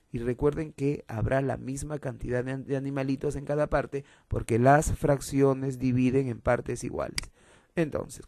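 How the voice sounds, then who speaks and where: A man's voice: mid-range voice, gravelly, dark tone, no room sound. A man explaining fraction word problems step by step as a math teacher, patiently repeating the key rules.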